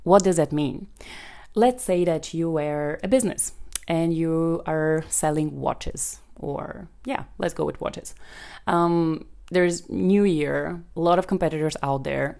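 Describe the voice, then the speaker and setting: A young Bulgarian woman, a native speaker of Bulgarian, speaks in a low, creaky voice with a dark tone. She is a business coach hosting her own podcast, explaining a method in a chatty, conversational way full of ums.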